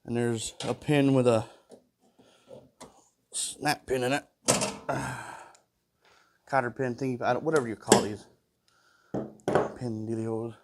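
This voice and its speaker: In a very noisy recording, a congested man works on an old mower in his workshop, talking to himself and humming between tasks as a small engine repair vlogger. His mid-range voice is slow and fairly even, with many pauses.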